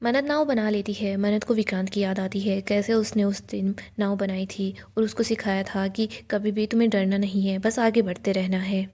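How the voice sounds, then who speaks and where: A woman's voice: medium pitch, moderate pace, few pauses. A woman narrating a casual scene-by-scene recap of a TV serial, quoting the characters' lines in her own voice. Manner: steady retelling, quotes dialogue in her own voice.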